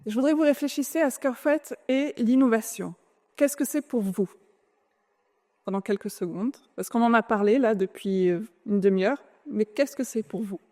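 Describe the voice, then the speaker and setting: A woman's voice: a little high, normal speed, darkish tone. A woman from France giving a conference talk to an audience, friendly and a little hesitant, often putting questions to the room. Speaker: invited speaker. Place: large event hall. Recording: long reverb of a large hall.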